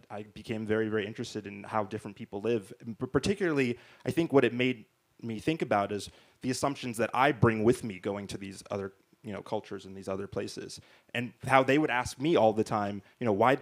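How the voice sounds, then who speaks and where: A man with a lowish voice, talking a little quickly, runs a panel discussion on stage in a large hall with an audience watching. Handheld mic in hand, he chats conversationally, frequently tosses in "right?", and restarts sentences.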